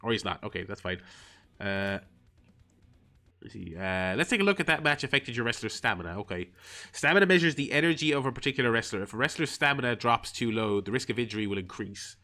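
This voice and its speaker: A man's voice: lowish voice, lively intonation, fast, bright, forceful tone. A man streaming a mobile game, reading its tutorial text aloud and adding wry, rambling asides with lots of fillers. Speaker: gaming streamer.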